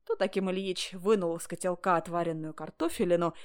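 A woman narrating a story in a calm, steady reading voice. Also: lowish voice, a little fast. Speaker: reader.

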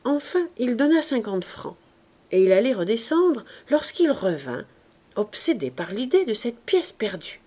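A woman's voice: a little high, a little slow. Woman reading a novel aloud. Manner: clear, expressive storytelling. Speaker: audiobook reader. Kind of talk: scripted narration.

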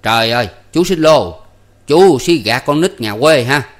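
A man voicing a fierce middle-aged cafe owner who scolds loudly and bluntly. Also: mid-range voice, expressive, a little slow, pitched above the performer's own voice, natural voice. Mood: scolding. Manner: loud, scolding.

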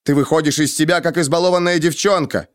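A man's voice: medium pitch, expressive, moderate pace, no room sound, close to an everyday voice. A male audiobook reader voicing a proud, defensive young man who speaks in a heated, biting way. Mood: angry. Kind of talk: audiobook character reading.

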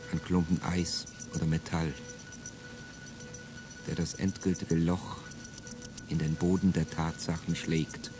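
A low-pitched actor voices an embittered male revolutionary in a classic radio drama. He broods, then swells into bitter outbursts, with music behind him.

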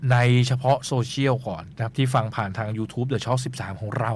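A man hosting a phone-in ghost story show who talks politely and keeps adding soft tag particles. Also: medium pitch, fairly quick, slight background noise. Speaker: host. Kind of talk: radio phone-in talk.

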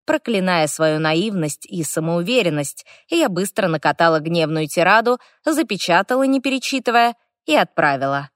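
A woman narrating a first-person fantasy audiobook in a wry, lively, expressive way. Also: fairly low pitch, normal speed, hardly any pauses, dry recording, studio quality.

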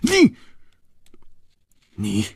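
A man's voice: huge pitch swings, a little fast, creaky, slightly rough, exaggerated voice. A male storyteller voicing a brash, impulsive young swordsman who stammers and blurts in agitation, in a traditional storytelling performance. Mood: alarmed. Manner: high, agitated, stammering outbursts.

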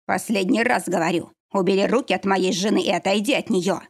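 A woman's voice: mid-range voice, steady tone, a little fast, lightly acted. A woman reading the lines of a furious male werewolf defending his wife, fierce and growling.

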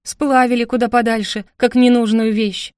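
A woman's voice: on the high side, level tone, moderate pace, no echo, clean studio sound, pitched above the performer's own voice, natural voice. Woman voicing a defiant, sarcastic young heiress. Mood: indignant. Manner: sharp, sarcastic, indignant.

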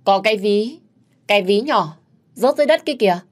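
A woman voicing a young female servant calling out excitedly. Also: medium pitch, racing, voice pushed up, lightly acted. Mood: exclaiming. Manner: exclaiming.

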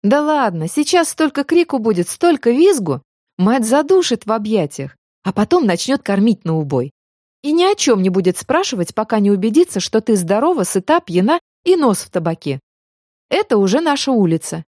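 A bubbly young woman who chatters away, high and full of swings in tone, as a woman narrator puts her on. Her voice is warm and soft-edged, heard dry and close. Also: sing-song, normal speed, no room sound. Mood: excited chatter. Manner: bubbly, teasing. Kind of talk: audiobook character reading.

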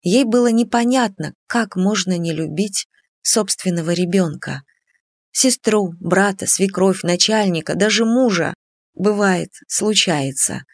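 A woman reading a novel aloud as an audiobook, in a measured, unhurried manner. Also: medium pitch, no echo, studio quality. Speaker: audiobook narrator. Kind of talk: scripted narration.

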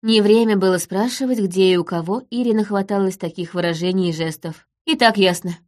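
A woman narrating a story in the first person at a steady, measured storytelling pace. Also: mid-range voice. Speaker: audiobook narrator.

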